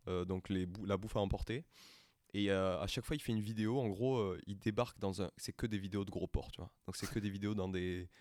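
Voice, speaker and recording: A man's voice: low voice, fairly even intonation, fast, darkish tone, dry recording, clean studio sound. A young man co-hosting a podcast in casual chat, full of crude slang and frequent laughter. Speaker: podcast co-host.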